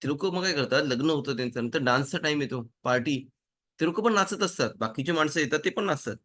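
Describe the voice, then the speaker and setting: A rabbi giving a casual Torah lesson, telling stories and acting out little dialogues in changing voices. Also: male voice, fairly high pitch, fast talker. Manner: animated storytelling, acts out dialogues with changing voices. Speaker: rabbi teaching a Torah class.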